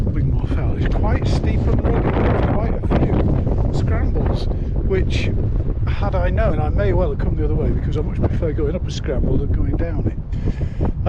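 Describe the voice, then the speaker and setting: Wind-blasted hillwalker. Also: male voice, on the high side, highs cut off. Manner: rambling, unhurried, with frequent hesitations. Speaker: hillwalking vlogger. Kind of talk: casual walking commentary. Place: outdoors on an exposed fell. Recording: loud wind noise on the mic. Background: gusting wind.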